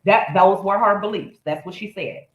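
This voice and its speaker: A woman's voice: mid-range voice, normal speed, echoey room, low-quality recording. A woman hosting a live stream, giving blunt, profane, indignant commentary. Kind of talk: heated commentary.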